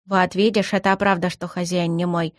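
A woman's voice: on the low side, little pitch movement, normal speed, no echo, studio quality, lightly acted. A woman voicing a small, mischievous male house spirit child who tattles on his brother. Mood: teasing.

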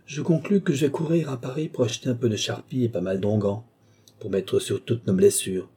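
A man's voice: mid-range voice, fairly even intonation, fairly quick, mellow, husky. A man voicing a lazy, sardonic scheming brother in an audiobook, mocking in tone. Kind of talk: audiobook character voice.

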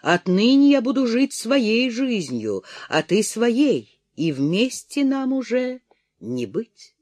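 A torn young gentleman in an audiobook speaks low, muffled and restrained, voiced by its reader. His tender words carry held-back anguish, and his lines still rise and fall with feeling. The recording is dry and close. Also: very animated, takes it slowly, dry recording, exaggerated voice. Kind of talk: audiobook character voice.

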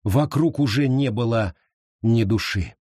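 A man narrating a horror audiobook in a slow, expressive storytelling manner. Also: mid-range voice, breathy edge, dry recording, studio quality.

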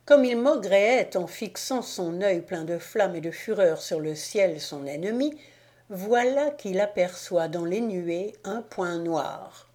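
A woman narrating a classic book in a measured storytelling manner. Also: fairly low pitch, dark tone. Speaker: audiobook narrator.

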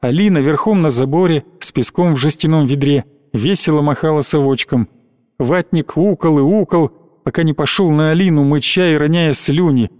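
A man narrating an audiobook in a steady, dramatic reading style. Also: a little high, moderate pace, no echo, studio quality.

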